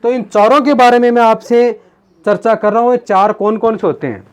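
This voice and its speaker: Male teacher asking and answering questions. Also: high voice. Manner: asks the viewers questions and answers them himself; calls the viewers friends, slow and repetitive. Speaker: Hindi grammar teacher. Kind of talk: video lesson explaining at a board.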